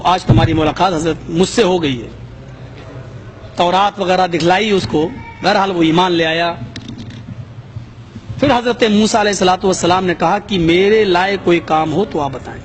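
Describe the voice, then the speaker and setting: A man preaching a sermon, telling a story with dramatic rises in his voice. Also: slight background noise. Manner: dramatic, rising pitch for quoted voices.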